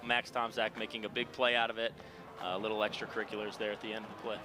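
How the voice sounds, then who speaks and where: A man's voice: fairly low pitch, level tone, fast. A man giving explanatory color commentary on football plays, sometimes repeating a word as he goes. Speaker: color analyst.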